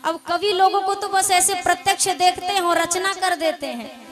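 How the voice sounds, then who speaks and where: High-voiced woman telling a devotional story. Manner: slow, storytelling with rhetorical questions. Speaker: spiritual storyteller. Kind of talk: devotional katha discourse. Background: devotional music.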